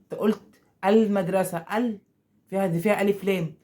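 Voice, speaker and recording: Fast-talking Egyptian teacher, quizzing himself. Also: male voice, sits high, steady tone, warm tone. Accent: Egyptian Arabic. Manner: quizzing, repeating questions and answering them himself; acts out pupils' objections. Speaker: Arabic grammar teacher. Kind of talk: online grammar lesson for school pupils.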